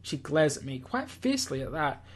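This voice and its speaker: With a sing-song voice on the high side and a moderate pace, a man narrates a visual novel during a let's play. He reads the game theatrically while peppering in casual, offhand comments.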